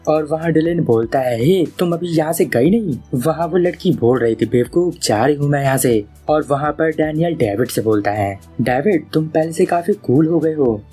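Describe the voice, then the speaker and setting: A man's voice: on the high side, dark tone, slightly rough. A young man with a Hindi accent retells an anime episode, reading each character's lines in quotes as a recap narrator. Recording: music playing underneath.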